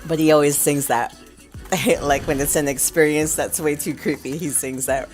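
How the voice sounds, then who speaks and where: Gamer lady on stream, lowish voice, just chatting casual, faint music in back. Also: steady tone, normal speed, darkish tone. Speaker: game streamer. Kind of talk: casual livestream chat.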